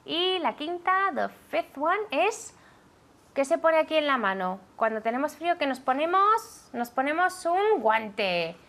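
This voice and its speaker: A woman teaching a language lesson, drilling pronunciation clearly and checking in with her student often. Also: sits high, big pitch swings, unhurried, a bit bright. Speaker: English teacher.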